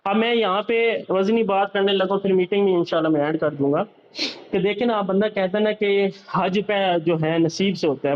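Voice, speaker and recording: A young man with a fairly high voice lectures his sales team in a motivational talk, circling back to the same points again and again. He speaks directly to them. The recording sounds dull and lo-fi. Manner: lecturing, repetitive, addresses listeners directly. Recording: slightly dull, lo-fi audio.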